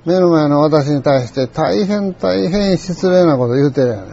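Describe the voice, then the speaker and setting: Older Kansai man musing, throat-clearing. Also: a little high, animated, normal speed, warm tone, lo-fi sound. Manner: rambling, folksy, clears throat often. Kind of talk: reflective monologue.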